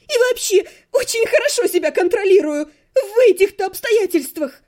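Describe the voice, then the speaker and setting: A woman voicing a young woman mage who shouts frantic, hysterical demands in an audiobook. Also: extremely high pitch, lively intonation, normal speed, voice pushed up. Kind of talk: audiobook character voice.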